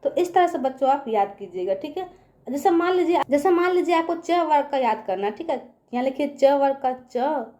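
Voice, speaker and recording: High-voiced woman teaching children. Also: expressive, brisk, mellow. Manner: patient, repeats "ठीक है" and asks the children questions. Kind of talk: online lesson for children.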